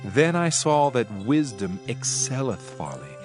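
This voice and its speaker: With a reflective, rueful mood, a tired king of an old world, now a preacher, intones scripture solemnly and oratorically in a measured, sing-song cadence. His pitch is medium, and music runs clearly underneath the whole dramatized reading.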